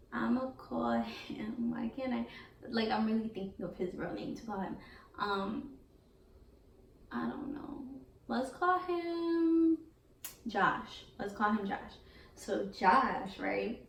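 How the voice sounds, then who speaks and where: A woman's voice: fairly high pitch, slow, vocal fry, pauses often, far from the mic. A young woman tells a casual storytime to her viewers, chatty, candid and full of slang. Her voice sits back from the microphone in a room with a noticeable echo. A faint hiss runs underneath. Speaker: beauty vlogger.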